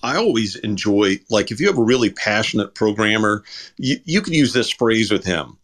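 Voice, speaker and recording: A man co-hosting a chat show about radio, an enthusiastic and animated storyteller. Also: on the low side, normal speed. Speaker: co-host.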